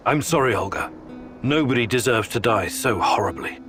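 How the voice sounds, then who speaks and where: A man's voice: mid-range voice, lively intonation, normal speed, a bit bright, lightly acted. An actor playing a guarded, level-headed male scientist in a video game, with music behind him. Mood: somber. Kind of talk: video game dialogue acting.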